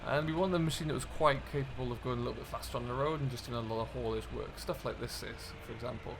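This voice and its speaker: A British man, host of a gaming video, plays a farm contractor in a farming role-play and offers casual commentary, chatting and thinking out loud as he works. He's a fast talker with a medium pitch and fairly even intonation. Background vehicle and ambient noise are clearly present.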